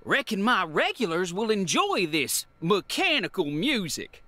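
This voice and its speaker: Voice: medium pitch, sing-song, unhurried, sharp tone, dry recording. An actor playing a folksy, welcoming Old West saloon keeper in a video game, with an American Western drawl. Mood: folksy, gracious. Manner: folksy cowboy-era slang. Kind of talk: video game character acting.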